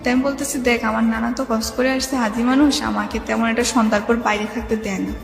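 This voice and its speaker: She is a young woman with a Bangladeshi accent, rambling informally through her life story as a guest and often repeating dialogue from memory. Her voice is a little high, creaky, and steady in tone, and she talks fast. Music sits behind her, and the sound echoes like a reverberant hall.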